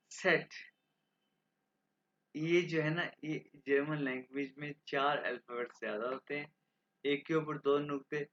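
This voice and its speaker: A man from Pakistan teaches a language class in a bright, sharp voice pitched a little high. He spells out letters and phrases at an unhurried pace, repeating them for students to copy. The recording sounds dull and lo-fi. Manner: repeats words slowly for learners to copy. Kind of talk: online language lesson.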